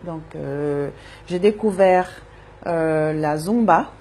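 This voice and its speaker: Interviewed on radio, a Brazilian Zumba and wellness coach, a native Portuguese speaker, talks thoughtfully and repeats words while searching for them. Her deep, warm voice moves slowly over slight background noise.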